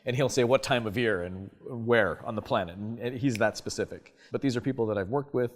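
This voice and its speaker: A man from Canada, a voice actor, chatting as a guest in a casual interview, animated and full of fillers. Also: mid-range voice, brisk. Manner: animated storyteller, lots of uh fillers and restarts.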